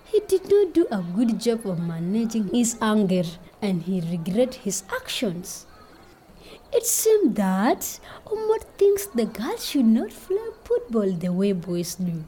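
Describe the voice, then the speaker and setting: A woman's voice: medium pitch, sing-song, unhurried, warm tone, a little hiss or hum, poor audio. A woman teaching a group of children, speaking in an encouraging, sing-song way. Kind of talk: children's lesson.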